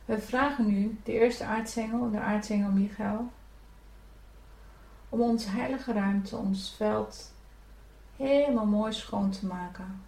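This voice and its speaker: A woman leading a guided spiritual meditation, giving gentle, soothing instructions to breathe and relax. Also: mid-range voice, fairly even intonation, slow pace. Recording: echoey room, from a distance.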